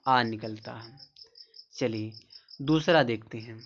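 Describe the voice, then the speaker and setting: A man's voice: medium pitch, slow pace. Repetitive male pronunciation teacher, lo-fi. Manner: repetitive, drills each word several times and asks rhetorical questions. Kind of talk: classroom-style lesson explaining spelling and pronunciation. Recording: slightly dull lo-fi sound with faint background noise.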